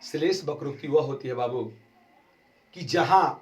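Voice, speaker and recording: A man's voice: medium pitch, normal speed, distant mic. A man teaching a Hindi grammar lesson in a patient, explanatory way. He draws out key terms for emphasis. His voice sounds set back from the microphone. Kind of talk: exam-prep grammar lesson.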